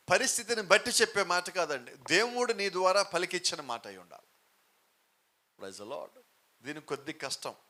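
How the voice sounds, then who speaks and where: A man's voice: a little high, pushed and bright. A man preaching a sermon with emphatic rhetorical questions, now and then mixing in English phrases. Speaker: pastor.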